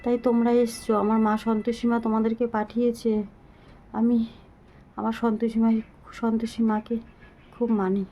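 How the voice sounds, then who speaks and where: Middle-aged woman vlogger, short of breath and weak, flat halting delivery, mellow phone-camera sound. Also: on the high side, rough recording. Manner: slow, halting, pleading. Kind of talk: casual talk to viewers.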